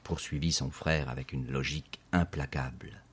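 A man reads a children's story aloud with steady, expressive narration. His voice is very deep and carries a husky, breathy grain. He paces the scenes like a seasoned audiobook reader. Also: normal speed.

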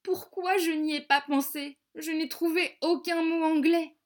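A young schoolgirl classmate in a children's storybook, as a woman reader puts her on. Her voice sits high and lifts brightly like a child's. She speaks slowly and carefully. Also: steady tone. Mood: dismayed. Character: young schoolgirl, upset then grateful classmate. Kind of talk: storybook reading.

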